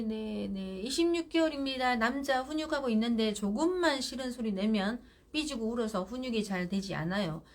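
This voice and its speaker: A middle-aged woman hosting live parenting advice, speaking firmly and directly and acting out parent-child exchanges. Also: on the high side. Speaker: parenting counselor.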